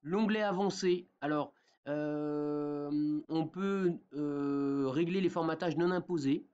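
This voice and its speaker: A man with a somewhat high voice explains a program step by step, like a teacher doing a screen-recorded tutorial. He fills pauses with hesitations and keeps checking in with his viewers. The sound is dull and lo-fi. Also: mellow, clean tone. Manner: talks step by step with many fillers and a repeated "d'accord?". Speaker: software tutorial presenter.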